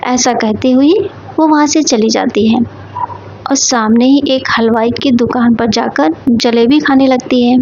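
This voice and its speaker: A woman's voice: fairly high pitch, steady tone, measured pace, darkish tone, slight background noise. A woman storyteller narrating a devotional folk tale steadily, on a dull lo-fi recording.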